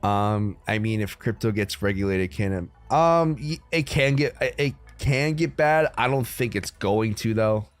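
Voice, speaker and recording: A young American man hosting a crypto livestream chats with viewers from his room at home, rambling loosely with lots of ums and likes. His voice sits a little low, he talks unhurriedly with few pauses, and faint music plays in the background.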